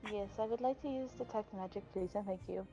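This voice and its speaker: A woman's voice: mid-range voice, fast, dark tone, soft background music. A woman chatting casually as a player in a tabletop roleplaying game.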